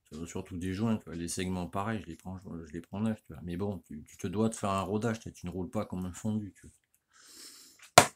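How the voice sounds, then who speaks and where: A middle-aged man talking casually while he works on an engine in his workshop, rambling and slangy, tagging nearly every phrase with a "you see". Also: low-pitched. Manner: rambling and slangy, saying "tu vois" constantly. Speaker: motorcycle mechanic. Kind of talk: casual workshop how-to talk. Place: home workshop or garage.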